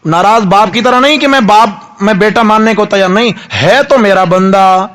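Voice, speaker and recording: A male mufti delivering a sermon, emphatic and repetitive, slowing right down to draw out recited verses. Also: high voice, fairly bright tone. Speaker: mufti preacher.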